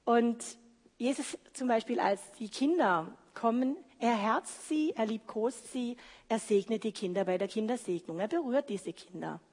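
A woman's voice: on the high side, lively intonation, normal speed, darkish tone, husky. A woman giving an earnest, heartfelt devotional sermon, repeating phrases for emphasis. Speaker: lay preacher. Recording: long hall reverb.

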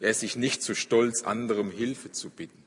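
Husky male preacher in a reverberant church. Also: on the low side, moderate pace. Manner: dramatic storytelling with swings between loud and hushed. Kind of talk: sermon.

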